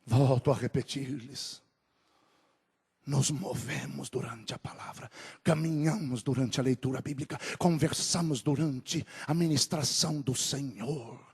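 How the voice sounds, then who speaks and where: A man preaching a sermon, moving from low, quick talk to drawn-out shouted climaxes. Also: gravelly, breathy edge.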